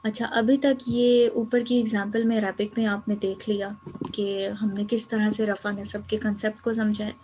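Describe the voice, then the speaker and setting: A woman's voice: medium pitch, a little mellow, slight background noise, poor audio. A woman teaching an Arabic grammar lecture, explaining each step patiently and slipping English terms into her talk.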